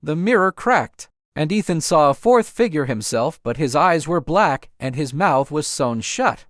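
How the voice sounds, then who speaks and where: Animated man narrating dark horror. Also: a little high, measured pace, dry recording, studio quality. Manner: suspenseful, theatrical delivery.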